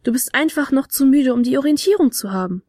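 A woman's voice: high voice, lively intonation, darkish tone, dry recording, studio quality. A woman doing a snippy, bossy storybook girl. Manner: brisk and snippy. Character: bossy, sharp-tongued female friend.

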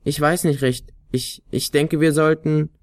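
A man voicing a small, excitable female talking flute who frets and scolds in a raised voice. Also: no room sound, studio quality. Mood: worried. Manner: high, quick to fret, scolding.

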